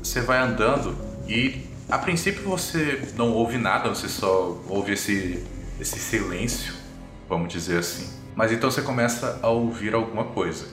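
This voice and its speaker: A game master with a Brazilian accent and a fairly low, expressive voice spontaneously narrates tabletop RPG scenes, assembling them gradually at a moderate pace. Background music and a roomy echo fill the recording.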